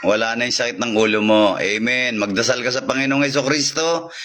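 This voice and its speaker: A man's voice: medium pitch, a bit bright. A man from the Philippines leading a healing session over a call, repeating short commands in a chanting rhythm and droning through Latin prayers. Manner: recites Latin prayers in a rapid drone. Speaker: faith healer.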